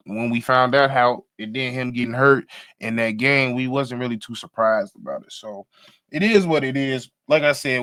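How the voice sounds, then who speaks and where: Young male sports podcast host, mid-pitched and relaxed, laid-back and slangy, dry close mic. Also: no echo. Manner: loose and conversational, with frequent fillers and swearing. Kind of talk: casual sports talk.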